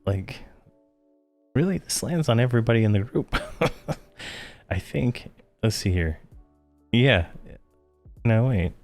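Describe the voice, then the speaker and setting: Tired man, deep voice, rambling game commentary, fillers, faint music behind. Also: darkish tone. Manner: rambling, thinks aloud with fillers. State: tired, yawning. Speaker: game guide creator. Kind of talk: casual gameplay commentary.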